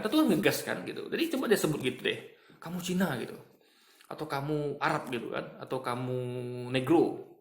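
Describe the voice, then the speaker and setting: A man's voice: on the high side, vocal fry, fairly bright tone, echoey room. A man giving argumentative video commentary to his viewers, repeating himself and restarting often. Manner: repetitive, addresses viewers as "guys", many restarts. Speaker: commentator responding to online posts.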